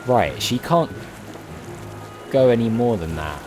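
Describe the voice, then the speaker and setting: A man's voice: medium pitch, expressive, slow. A man hosting a let's play, musing aloud and asking questions in casual game commentary. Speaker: gamer, let's play host. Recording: game music behind.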